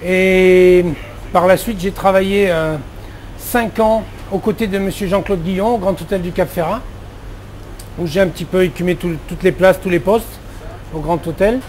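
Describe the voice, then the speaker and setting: A man's voice: high voice, steady tone, normal speed, darkish tone, a little hiss or hum. A middle-aged man answering interview questions as a head chef, talking casually with many fillers and restarts.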